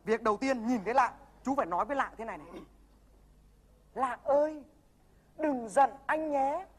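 A woman's voice: on the high side, rapid-fire, fairly bright tone, slightly rough. A woman playing a cocky, bossy older-brother mentor who lectures. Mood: lecturing. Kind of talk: comedy sketch acting.

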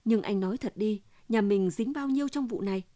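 A woman's voice: mid-range voice, brisk, dark tone, dry recording, close to an everyday voice. A woman voicing a distraught wife who keeps pressing her husband for the truth, in an insistent, pleading manner.

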